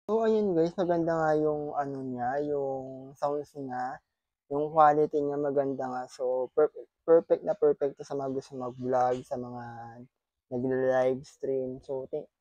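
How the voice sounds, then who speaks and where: A man's voice: medium pitch, dark tone, dry recording, highs cut off. A man from the Philippines chatting casually in an unboxing vlog, repeating his thanks and teasing playfully. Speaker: vlogger. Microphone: wireless clip-on microphone.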